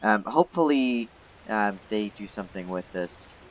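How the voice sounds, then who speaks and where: A man's voice: on the low side, lively intonation, moderate pace, muffled recording. A man casting an esports match live, explaining the play in an analytical way. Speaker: esports caster.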